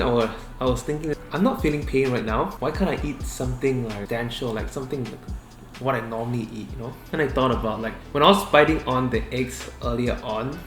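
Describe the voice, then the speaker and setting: Echoey casual male vlogger, halting delivery. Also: mid-range voice. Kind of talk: casual cooking and recovery vlog. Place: indoor home kitchen. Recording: echoey room with music behind.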